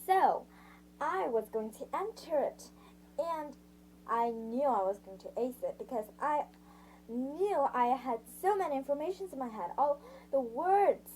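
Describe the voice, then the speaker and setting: Woman reading a book out loud, kinda high voice, keeps tripping and redoing words, faint hiss behind. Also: animated, rough recording. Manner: halting, frequent restarts and self-corrections; breaks off to summarize parts in her own words. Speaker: audiobook reader. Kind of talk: amateur read-aloud narration.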